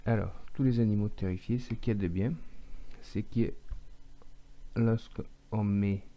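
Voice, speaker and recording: Man, regional French accent, teacher, step-by-step software tutorial, lowish voice, dark warm tone. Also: steady tone, unhurried. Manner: explains step by step, dictates punctuation aloud. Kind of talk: screen-recorded software tutorial.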